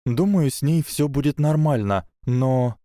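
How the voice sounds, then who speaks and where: A man voicing a bookish schoolgirl witch who speaks cautiously and in measured phrases. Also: medium pitch, mellow, no echo, studio quality, pitched above the performer's own voice, close to an everyday voice.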